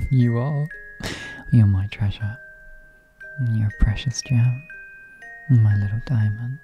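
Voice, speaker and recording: A man playing a doting caregiver boyfriend in an ASMR role-play, cooing gently and soothingly as if to a child. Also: medium pitch, fairly even intonation, unhurried, lo-fi sound, music in the background, natural voice. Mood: soothing, tender.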